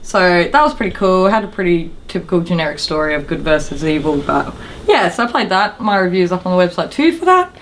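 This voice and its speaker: Speaking quickly in a sing-song manner, this podcast co-host has a fairly low-pitched voice. She talks about video games in a loose, unsure way, often letting sentences trail away, and a faint hiss or hum sits under the audio.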